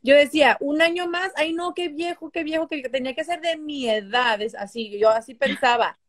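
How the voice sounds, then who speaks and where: A woman in her twenties with a high voice, talking through a phone video call from home. She chats easily and teases as she tells a story, quick to laugh at herself. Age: 20s. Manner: chatty, teasing storyteller. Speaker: co-host, host's partner. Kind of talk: casual chat. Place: indoors at home.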